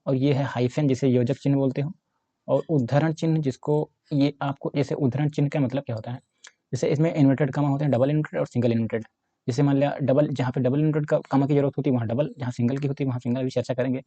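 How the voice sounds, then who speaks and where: Dark-voiced male Hindi teacher. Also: mid-range voice, fairly even intonation, quick pace, dry recording, highs cut off. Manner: explains step by step while writing, with frequent "ठीक है?" and "है ना?" check-ins. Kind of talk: exam-prep lesson.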